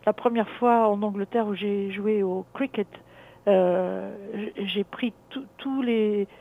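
A woman's voice: medium pitch, fairly even intonation. Middle-aged woman on a tinny phone line. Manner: reflective, halting, thinking aloud. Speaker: caller consulting a dream analyst. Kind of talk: hesitant personal conversation.

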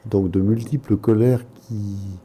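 A man speaking as an analyst, asking probing questions and offering interpretations in a measured, therapeutic conversation. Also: on the low side, steady tone, warm tone, breathy edge. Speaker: psychoanalyst interviewing a caller.

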